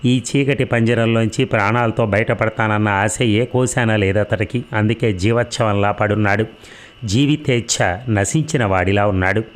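Brief: male narrator reading a tense novel, steady and dramatic. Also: fairly low pitch, moderate pace. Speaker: audiobook narrator.

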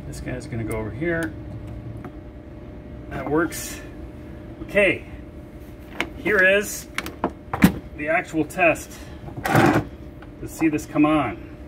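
A man's voice: a little high, takes it slowly, long pauses, background noise. Older man explaining a boat repair. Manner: relaxed, explains step by step while working. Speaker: sailing vlogger. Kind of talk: hands-on how-to demonstration. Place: large boat storage shed, indoors.

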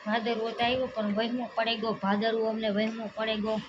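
A woman's voice: on the high side, flat delivery, brisk. A young woman, chatting casually at home as a mother in a family vlog and fussing over her little daughter. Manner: chatty, doting, talks to her small daughter. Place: home, indoors. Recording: dull muffled home audio with loud background noise.

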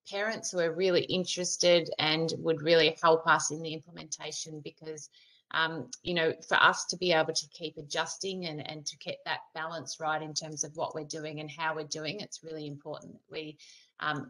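A woman on school staff, speaking to parents in a soft, encouraging way with a few fillers. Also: sits low, poor audio.

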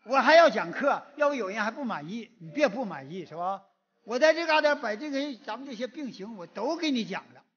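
A high-voiced man with a Northeastern Mandarin accent gives a lecture, his pitch jumping up and down. He speaks in a folksy, animated way and keeps checking in with the audience. His voice carries a long reverb from a large hall. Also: brisk, breathy edge, muffled recording. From Northeast China. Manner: folksy, animated storytelling with frequent "是吧" asides. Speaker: public lecturer. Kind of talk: moral lecture told through anecdotes. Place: lecture hall at a public forum.

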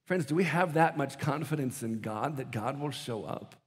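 A man preaching a sermon as pastor, moving between hushed, slow prayer and loud, quick bursts, acting out scripture scenes in mock voices. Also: mid-range voice, lively intonation, breathy edge, long reverb tail. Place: church auditorium.

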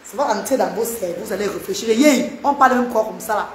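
A Cameroonian woman with a Cameroonian French accent live-streams to her viewers, speaking fast at a medium pitch. She's emphatic and repetitive as she alternately scolds and banters with them, and the room sounds echoey.

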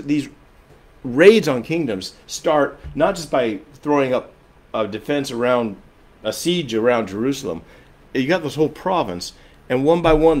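Earnest male pastor preaching a sermon. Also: medium pitch. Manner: earnest, emphatic, shifts often between loud and soft; repeats and restarts phrases while explaining.

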